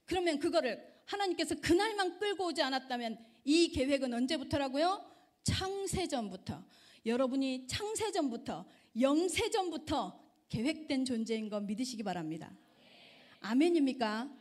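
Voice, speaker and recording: Animated woman missionary preaching. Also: sits high. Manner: animated, keeps quizzing the audience. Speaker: missionary guest speaker. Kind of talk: sermon to a youth group.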